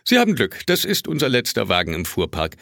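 A man's voice: a little high, sing-song, moderate pace, creaky, a bit bright, no room sound, studio quality, voice pushed up, full character voice. A man voicing a condescending male car rental clerk in an audiobook, with a curt, falsely friendly manner. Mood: smarmy.

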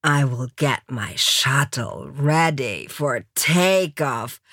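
A woman reading a German story aloud and voicing a brawny, crude male Texan lover who speaks in a slow, low drawl. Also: lively intonation, a bit bright, no room sound, clean studio sound, exaggerated voice. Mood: boastful.

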